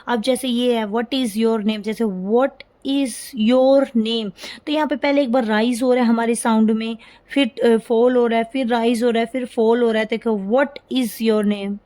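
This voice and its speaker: A woman's voice: fairly high pitch, darkish tone, no room sound. A woman teacher, explaining a lesson for an exam and asking her own questions, then answering them as she repeats the key terms. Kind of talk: exam-prep lecture, Hindi mixed with English.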